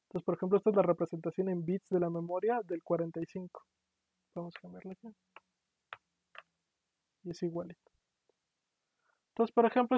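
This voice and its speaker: High-voiced lecturer on a tinny line. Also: male voice, no room sound. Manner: patient, explanatory, often checks in with "no?" and "sí?". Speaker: university lecturer. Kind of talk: online programming lecture. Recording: tinny, dry, phone-like online class audio.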